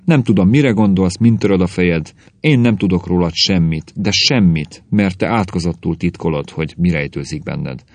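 A man's voice: low-pitched, expressive, creaky, a little mellow, no room sound. A man voicing a scornful, bitter middle-aged husband who lectures and sneers, in an audiobook reading. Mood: sneering.

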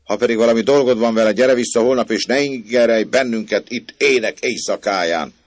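A man voicing angry neighbors scolding a noisy stranger in a raised, husky voice. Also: medium pitch, no echo, voice pushed up, lightly acted. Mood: irritated. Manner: scolding, shouting from windows. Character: angry woken neighbors, gruff and irritated.

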